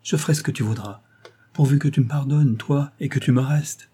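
A man's voice: medium pitch, brisk, dark tone, husky, pitched above the performer's own voice, lightly acted. A man voicing a troubled young husband in an audiobook reading, with anxious, urgent questioning.

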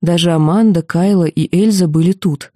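Woman audiobook narrator, expressive first-person read, warm, dry studio. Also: lowish voice, moderate pace, no echo. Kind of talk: scripted narration.

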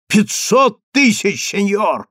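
A man performs a frantic older chief rabbi in an audiobook, his voice pushed up high and strained as he implores. The tone carries a gravelly edge, recorded close and dry. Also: animated, slow, sharp tone, no room sound, full character voice. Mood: pleading.

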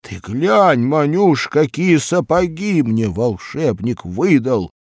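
A man's voice: fairly high pitch, sing-song, takes it slowly, no echo, clean studio sound, pitched above the performer's own voice, exaggerated voice. A man voicing a poor, meek railway coupler who complains in a raised, whiny voice. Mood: whiny plaintive.

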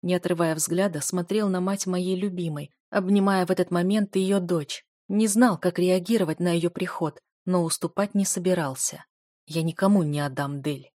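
A woman reads a fantasy novel aloud in a steady, expressive narration. Her voice sits on the low side, and the recording is dry and close, with no room sound. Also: normal speed, no room sound. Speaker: audiobook narrator.

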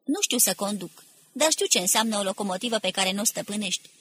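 A woman reading aloud, voicing a desperate male engineer and former officer who shouts warnings over a crowd. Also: medium pitch, lively intonation, husky. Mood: urgent, warning.

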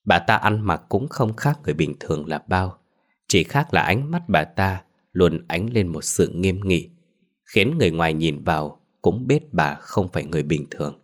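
A man narrating a horror tale in a low, deep voice. He reads at an unhurried pace with an ominous, brooding storytelling manner. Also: big pitch swings.

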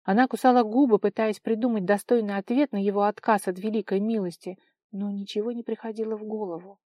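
A woman narrating an audiobook with expressive, dramatic delivery. Her voice is mellow and warm, and the recording is close and dry with no room sound. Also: medium pitch, quick pace, no echo. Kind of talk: audiobook reading.

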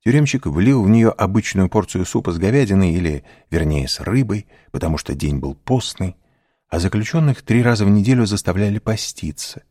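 Male narrator, low pitch, dry close sound, measured reading of a classic novel. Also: no room sound. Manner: measured, even storytelling. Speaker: audiobook narrator. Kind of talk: scripted narration.

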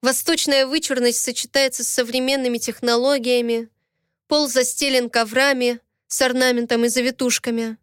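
Smooth-voiced woman narrating a dramatic audiobook. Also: a little high, little pitch movement, normal speed, no room sound, studio quality. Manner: emotional, dramatic reading. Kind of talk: first-person audiobook narration.

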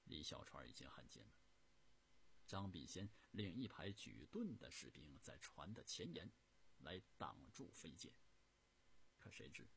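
A man narrating a historical story dramatically, jumping from loud bursts to hushed whispers. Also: deep voice, creaky, a little hiss or hum.

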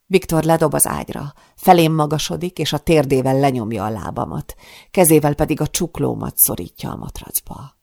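Woman reading a thriller audiobook, dramatic and breathless, super gravelly creaky voice, dry close sound. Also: low-pitched, dark tone, dry recording. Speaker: audiobook narrator. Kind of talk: first-person audiobook narration.

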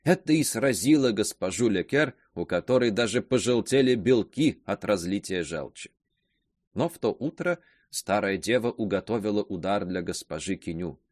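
A man narrating a classic novel in an expressive audiobook reading style. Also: lowish voice, normal speed, no echo, clean studio sound. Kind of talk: literary narration.

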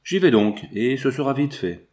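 A man's voice: mid-range voice, lively intonation, moderate pace, darkish tone, lightly acted. Man doing a young baron, earnest and a bit defensive, voice goes up and down a lot. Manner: earnest, protesting. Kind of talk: audiobook character reading.

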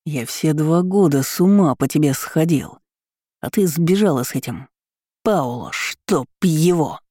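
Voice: animated, a little slow, dark tone, dry recording, studio quality. A reader voicing a hot-tempered male gangster in an audiobook, growling and icy. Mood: angry. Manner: low growl, icy and clipped. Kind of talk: audiobook character voice.

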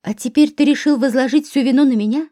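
A hurt but defiant wife fires back at her husband in a storybook scene, voiced by a woman reader. The voice is fairly high and mellow, recorded dry and close. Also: fast, no echo, close to an everyday voice. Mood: cutting. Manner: hoarse, cold then cutting.

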